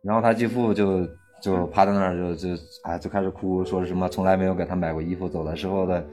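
A man in his thirties, a volunteer aid worker, telling a personal story in casual speech, halting and full of restarts, growing heated when angry. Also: deep voice, fairly even intonation, a little mellow, soft background music. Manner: halting, many restarts and fillers, rising heat when angry.

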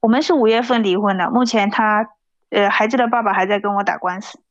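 A woman's voice: mid-range voice, quick pace, no echo, highs cut off. A woman in her thirties from mainland China tells a personal story plainly and unhurriedly, with small restarts. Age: 30s.

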